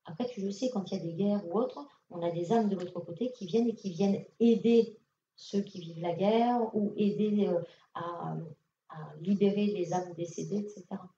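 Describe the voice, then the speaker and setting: A woman medium talks casually and directly to an audience member, with plenty of fillers. Her voice is mellow and sits in the middle of the range. She is picked up from afar, dull and roomy, in a conference hall. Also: mid-range voice, moderate pace, a little hiss or hum. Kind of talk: public mediumship reading. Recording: echoey hall, distant lo-fi mic.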